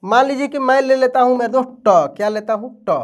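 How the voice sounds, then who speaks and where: A man's voice: extremely high pitch, brisk. A man teaching vowel signs, who keeps asking and answering his own questions. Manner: asks and answers his own questions, calls listeners "my friend". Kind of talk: explaining Hindi letters at a board.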